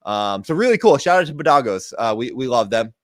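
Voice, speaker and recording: A man with a mid-range voice talks markets like a crypto bro on a gaming show. His delivery is casual and slangy, full of hype and shout-outs. The sound is dry, with no room echo. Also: medium pitch, very animated, fairly quick. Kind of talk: casual market news commentary.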